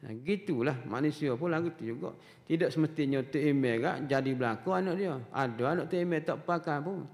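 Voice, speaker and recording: A man's voice: fairly high pitch, fairly quick, darkish tone. A man with a Kelantan Malay accent giving a weekly mosque lecture as a religious teacher, talking conversationally with rhetorical questions and frequent "ha" interjections. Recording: long mosque hall reverb.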